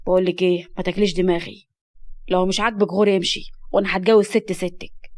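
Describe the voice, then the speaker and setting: A woman's voice: lowish voice, flat delivery, fast talker, a little mellow, dry recording, natural voice. A woman voicing a greedy, callous rich husband who talks rudely and dismissively, with an Egyptian accent. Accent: Egyptian Arabic. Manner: dismissive, rude.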